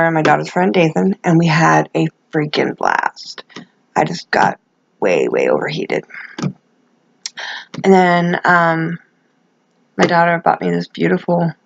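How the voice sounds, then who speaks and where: A woman's voice: on the low side, creaky, highs cut off. A middle-aged woman chatting casually as a vlogger, rambling and self-deprecating, with gummy, toothless articulation and no dentures in. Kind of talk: casual chat to camera.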